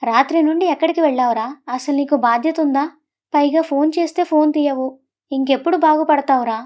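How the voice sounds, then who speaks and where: A woman's voice: high voice, a little fast, a little mellow, lightly acted. A woman voicing a distraught middle-aged mother who scolds and tearfully pleads with her grown son. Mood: scolding.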